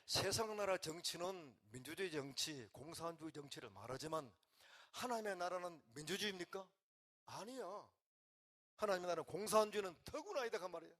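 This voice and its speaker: An older man, a pastor from the region, preaching, swinging between quiet, emotional talk and loud calls to the congregation. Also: sits high, expressive, quick pace. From Gyeongsang region, Korea. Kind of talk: sermon.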